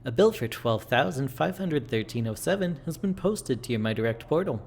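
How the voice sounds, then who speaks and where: Automated billing system for a game, impersonal, formal, mid-pitched, male reader, slightly noisy. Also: lively intonation, normal speed, vocal fry, a little mellow.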